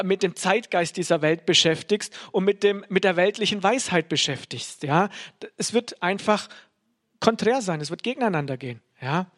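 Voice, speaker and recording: High-voiced man preaching conversationally. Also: a bit bright. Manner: conversational, frequent "ja?" tag questions and hesitations. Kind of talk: sermon.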